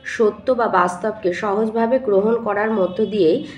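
A woman's voice: mid-range voice, steady tone, normal speed, a little mellow, muffled recording. A woman teacher going through exam questions, reading each one aloud and then dictating the answer step by step. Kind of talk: exam answer walkthrough lesson. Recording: echoey room.

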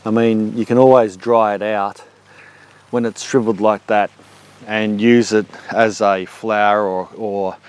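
Australian man chatting on a garden walk. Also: fairly low pitch. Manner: relaxed, chatty explaining while walking. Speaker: homesteading vlogger. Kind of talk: casual garden walk-through. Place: outdoor backyard garden on a rainy day. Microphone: handheld action camera.

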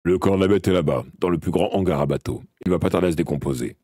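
Man voicing a stern, gruff monster hunter. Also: low-pitched, very fast, warm tone, no room sound, studio quality. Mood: grave, calm. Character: stern, calm adult male monster hunter.

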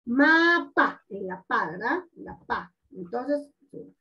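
A woman teaching a primary school class over a video call, patient and coaxing, drawing out words slowly for the children. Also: mid-range voice, lively intonation, fairly bright tone. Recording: dull lo-fi audio, distant from mic.

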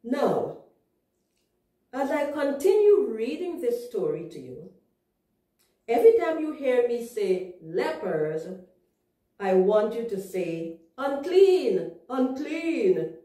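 A woman teaching young children a Bible story, explaining things simply and asking them gentle questions. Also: medium pitch. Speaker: Sabbath school teacher. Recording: echoey room, far from mic.

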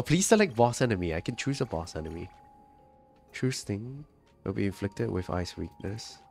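A man's voice: mid-range voice, vocal fry. A sick man with a stuffy, nasal voice and a cough, chatting casually on a live stream and reading out viewer comments. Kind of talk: casual live-stream chat while gaming.

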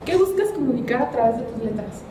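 A young woman hosts an interview, asking prepared questions in a polite and measured manner. Her voice is a little higher than most and heard from a distance in an echoing room. Loud traffic noise fills the background. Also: lively intonation. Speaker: interviewer and channel host. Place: high-floor room by a large window over a city.

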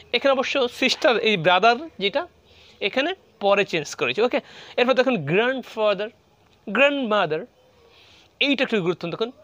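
A man's voice: high voice, bright, forceful tone, no echo. A man with a Bengali accent teaching English grammar, explaining patiently and repeating example words aloud. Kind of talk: classroom lecture. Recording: muffled lo-fi recording.

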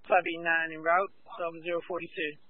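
Male fire dispatcher w/ high voice, terse radio update, thin tinny scanner audio. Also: flat delivery, fast talker. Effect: two-way radio.

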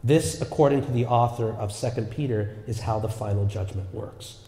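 A man of medium pitch and mellow tone gives an earnest sermon at normal speed inside a church sanctuary. Rhetorical "right?" asides recur as he checks in with the congregation, and the room echoes with long reverb.

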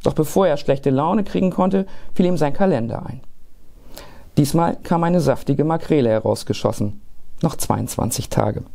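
Male storyteller, expressive read-aloud of a children's tale, dark and gravelly tone. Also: fairly high pitch, normal speed. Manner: lively, expressive narration.

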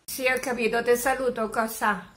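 A woman's voice: fairly high pitch, fairly even intonation, normal speed, a bit bright, close to an everyday voice. An actress playing a blunt, teasing woman in a comic sketch. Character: blunt Roman woman calling herself Tosca. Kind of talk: comic theater dialogue.

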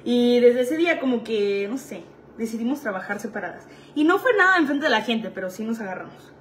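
A woman's voice: a little high, expressive, fairly quick, fairly bright tone, slight background noise. A young woman with a Mexican Spanish accent telling casual stories about her past jobs, chatty and full of slang and laughing asides. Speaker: vlogger. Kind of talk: casual storytelling.

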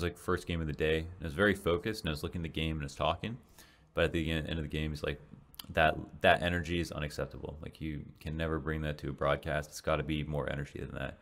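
Recording a casual solo podcast in a small home room, this young esports caster and host speaks into a large studio mic close to his face. His very deep voice has a fairly bright tone and grows raspy. The reflection meanders, full of restarts and fillers.

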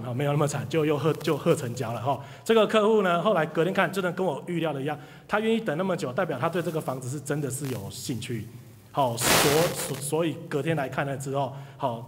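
A man, telling an audience a lively story about his sales career and acting out the people in it. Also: a little high, slight background noise. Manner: animated storyteller, acts out quoted people. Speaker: speaker sharing career story. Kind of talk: live motivational talk to an audience. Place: hall with audience. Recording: reverberant hall.

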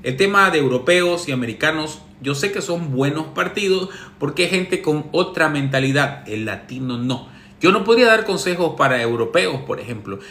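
Man, relationship coach, sarcastic and teasing, casual advice, slightly high voice, echoey room. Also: lively intonation, normal speed, pushed and bright, slight background noise. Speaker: relationship coach answering viewer messages.

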